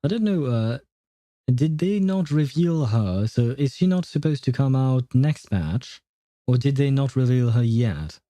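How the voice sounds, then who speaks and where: Very mellow, amused male game streamer. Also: medium pitch, expressive, a little slow, no echo. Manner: amused, hesitant, rambling. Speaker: gaming streamer playing through a story. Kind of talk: casual game commentary.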